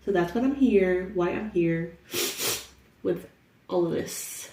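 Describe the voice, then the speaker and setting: A woman's voice: mid-range voice, mellow, roomy sound, distant mic. Congested woman giving a casual tarot reading. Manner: chatty, laughs often, says "like" a lot. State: congested, stuffy nose. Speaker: tarot reader.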